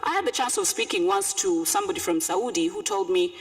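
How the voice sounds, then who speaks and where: Animated woman with a gravelly voice. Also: fairly high pitch, fairly quick, faint music behind. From Zambia. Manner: animated, emphatic, challenging. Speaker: closing speaker at a panel. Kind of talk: spontaneous closing remarks. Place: conference room. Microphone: speaking from her seat, away from the podium mic.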